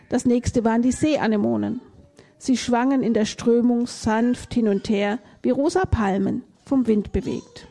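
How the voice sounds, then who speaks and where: A woman reads a children's picture book aloud in a gentle storytelling manner. Her voice is dark and mellow, with a husky, gravelly grain, and it sits a little high for a woman. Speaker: reader.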